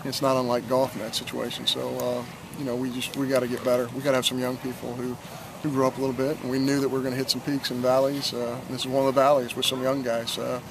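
Middle-aged coach guy talking quick and flat after a game, outdoor ballpark at night, noisy camcorder sound. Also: mid-range voice, creaky. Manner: earnest, measured, repeats words when restarting. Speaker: head baseball coach. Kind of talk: postgame press interview. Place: outdoor baseball stadium at night.

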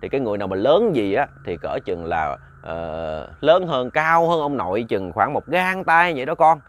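A man doing a low, gentle old grandfather. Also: sing-song, natural voice. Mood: soothing. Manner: slow, soothing and low. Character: gentle elderly grandfather calming his grandchild. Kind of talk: storytelling with voiced characters.

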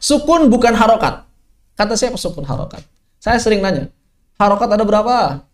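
A man from West Java's Sundanese region leads an online tajwid class in a high, bright voice. He teaches in a lively, joking way, tossing rhetorical questions at his students and laughing along with them. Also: brisk. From Sundanese region of West Java, Indonesia. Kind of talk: online Quran recitation lesson. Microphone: online class microphone.

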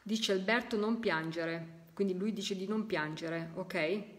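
Italian medium woman, slow repeated phrases. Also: mid-range voice, heavy background noise. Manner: slow, drawn-out repeating of heard messages. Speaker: medium holding a live spirit-voice session. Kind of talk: live stream commentary.

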